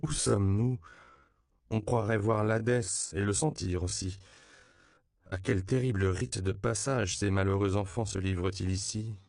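A man's voice: on the low side, fairly even intonation, a little slow, gravelly, a little mellow, no echo, studio quality. A man reading the part of an earnest young male missionary, with pompous, raised exclamations. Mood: grandiloquent. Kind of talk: audiobook character reading.

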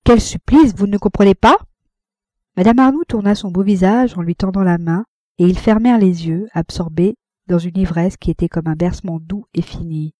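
A woman narrating a classic novel in a measured, even storytelling manner. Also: lowish voice, no echo, clean studio sound. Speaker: audiobook narrator.

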